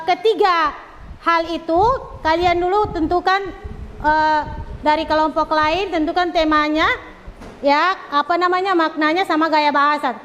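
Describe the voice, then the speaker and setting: A woman's voice: very high voice, a bit bright, in a large hall, a little hiss or hum. A woman teacher giving directions to her class, checking often that students are ready. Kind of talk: classroom instruction.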